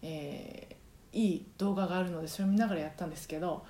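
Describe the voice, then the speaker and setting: A singing trainer hosts her own casual solo podcast from her apartment, chatting fast with lots of fillers and singing short phrases to demonstrate. Her voice is lowish and mellow with a steady tone, and the room sounds reverberant.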